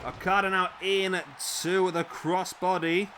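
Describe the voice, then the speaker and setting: At a measured pace, a man with a high-pitched, slightly raspy voice covers a wrestling video game play-by-play amid background noise. He's chatty in his asides and gets excitable at the big moves.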